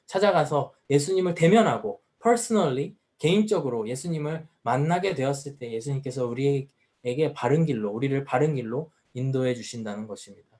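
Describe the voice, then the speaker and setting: A man's voice: medium pitch, normal speed, darkish tone. A man preaching a sermon at a youth service as the pastor, earnest and full of rhetorical questions. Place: church.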